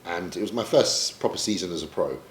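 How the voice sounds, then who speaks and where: Very deep british guy opening up in an interview, swears a lot, bit of room echo and faint hum. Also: a little fast. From Britain. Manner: emotional, reflective, swears casually. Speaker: pro bodybuilder guest. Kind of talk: candid sit-down interview. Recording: roomy echo, faint ambience.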